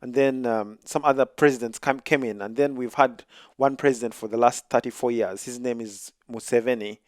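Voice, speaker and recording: A man in his thirties from Uganda speaks as a podcast guest. His voice sits in a middle pitch and is recorded dry, and he talks calmly and politely. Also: a little fast, no room sound. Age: 30s. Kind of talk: casual interview.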